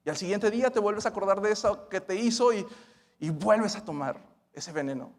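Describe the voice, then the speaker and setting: A male pastor preaching a sermon, swinging between loud emphatic lines and hushed ones. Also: high-pitched, fairly quick. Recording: church hall reverb.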